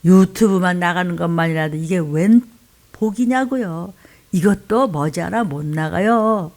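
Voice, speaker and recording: A woman pastor preaching an impassioned sermon in a church, swinging between loud cries and hushed asides. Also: lowish voice, unhurried. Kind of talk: impassioned Friday night sermon.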